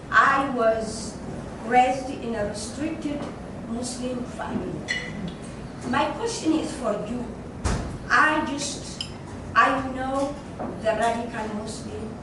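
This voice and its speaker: A woman in her sixties from Ethiopia speaks slowly and earnestly, circling back over her words as she asks her question. She sounds distant from the mic, and the room is very echoey with clear restaurant noise around her. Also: fairly high pitch. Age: 60s. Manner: halting, repetitive, earnest phrasing. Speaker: audience member asking a question. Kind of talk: impassioned question from the floor. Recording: roomy, distant, noisy restaurant.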